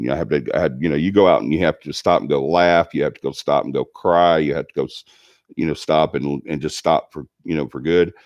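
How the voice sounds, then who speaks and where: A man's voice: a bass voice, darkish tone, dry recording, dull audio. A man, hosting a paranormal livestream and chatting casually with lots of ums and restarts. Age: 40s. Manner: rambling, with many ums and restarts. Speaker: paranormal show host reading live chat.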